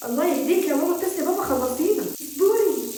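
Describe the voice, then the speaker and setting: A woman with an Egyptian accent performing a comedy sketch, rapidly switching between family characters. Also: very high-pitched, expressive, warm tone, very echoey, distant mic, a little hiss or hum, poor audio. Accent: Egyptian Arabic. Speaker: comedy sketch creator playing several family members.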